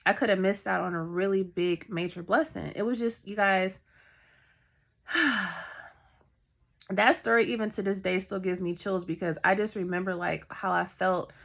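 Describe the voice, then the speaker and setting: A woman's voice: mid-range voice, steady tone, moderate pace, vocal fry, long pauses. A woman vlogger telling a heartfelt story time in a chatty way, full of fillers.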